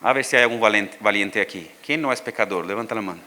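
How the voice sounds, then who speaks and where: A man's voice: on the low side, quick pace, pushed and bright. A man preaching a sermon to a church congregation, asking the listeners questions and reading scripture aloud with rising intensity. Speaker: pastor.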